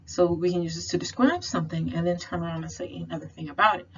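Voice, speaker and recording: Chatty, slightly low-pitched woman tutor. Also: fast talker. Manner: chatty, explains with lots of fillers and slang. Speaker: Chinese language tutor. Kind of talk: casual recorded tutoring lesson. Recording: slightly dull sound with faint noise.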